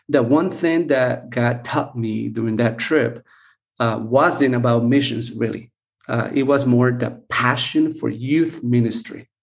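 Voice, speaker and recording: A middle-aged man from Costa Rica recounts his path into ministry in a measured, unhurried way. He pauses often with small fillers. His voice sits at an ordinary pitch for a man. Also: darkish tone. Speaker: missions team leader, guest. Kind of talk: relaxed personal storytelling.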